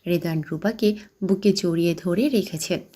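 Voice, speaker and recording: A woman narrating a romantic audio story with steady, scripted delivery. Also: fairly low pitch, normal speed, husky.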